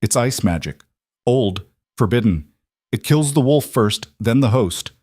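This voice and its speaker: A man's voice: mid-range voice, expressive, unhurried, darkish tone, dry recording, studio quality. A man voicing an anxious older woman healer in an audiobook, warning in urgent tones.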